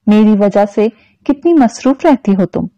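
A woman voicing a tender, tired, lovesick grown man who speaks softly and falters. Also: mid-range voice, lively intonation, moderate pace, no echo, lightly acted. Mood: gentle. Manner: soft and faltering. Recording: dull, dry lo-fi recording.

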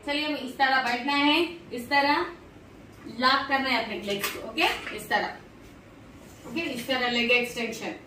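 A cheerful woman in her thirties walks viewers through machine exercises, her voice pitched high. The camera sits a few steps away in a bare, very echoey small room, so she sounds distant and boomy. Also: fairly even intonation, unhurried, sharp tone, a little hiss or hum. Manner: chatty, addresses viewers directly, upbeat. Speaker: fitness vlogger. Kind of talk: casual workout demonstration. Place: small home gym room, indoors.

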